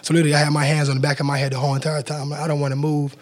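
A man's voice: fairly high pitch, flat delivery, very fast. A man, a former pro football player, telling a story as an interview guest in loose, casual talk full of "like" fillers and acted-out quotes.

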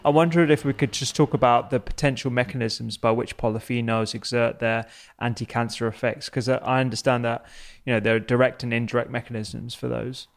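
Male doctor-host, gravelly and creaky, measured interviewer, mid pitch. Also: steady tone. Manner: thoughtful, measured questioning. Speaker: podcast host and medical doctor. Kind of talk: conversational interview.

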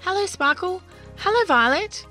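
A woman voicing a cheerful, creative female unicorn in a storybook, speaking in a lively, inviting way. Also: medium pitch, normal speed, faint music behind.

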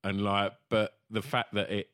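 A man's voice: fairly low pitch, little pitch movement, moderate pace, fairly bright tone, dry recording, studio quality. A man, chatting as a podcast guest over a video call. He rambles, swears freely and laughs through his stories. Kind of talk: casual chat. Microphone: remote video call.

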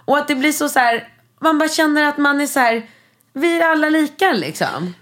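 A woman chatting casually, telling stories in an animated, gushing way with many fillers and acted-out quotes. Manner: acts out quoted voices in high English. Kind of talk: casual chat.

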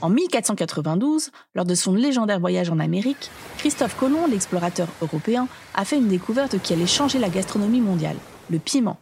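A woman reading scripted documentary narration in a measured, explanatory way. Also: mid-range voice, animated, music in the background.

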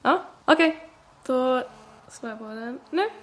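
A woman in her twenties, a podcast guest telling stories in casual chat with quick tangents. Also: high-pitched, expressive, a bit bright. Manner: chatty storyteller, quick tangents.

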